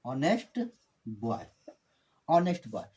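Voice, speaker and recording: Animated man teaching grammar. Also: mid-range voice, slow pace. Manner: repetitive, addresses viewers as friends. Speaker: English tutor. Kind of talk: classroom grammar lesson.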